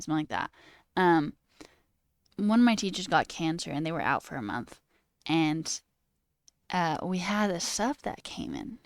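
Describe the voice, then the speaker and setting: A woman livestreams a casual chat with her viewers' live chat, rambling through tangent-prone stories, swearing casually and saying "like" a lot. Her voice is lowish and smooth, recorded dry with clean studio sound on corded headphones.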